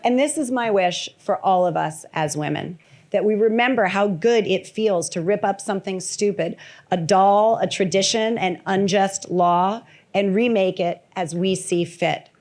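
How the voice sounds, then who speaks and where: A woman's voice: medium pitch, a little slow, darkish tone. A woman who organized the event, giving earnest opening and closing remarks.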